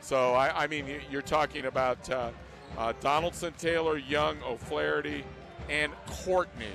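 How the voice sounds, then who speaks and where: A man's voice: on the high side, steady tone, normal speed, vocal fry, music in the background. An American man giving live pre-game basketball commentary as a play-by-play announcer.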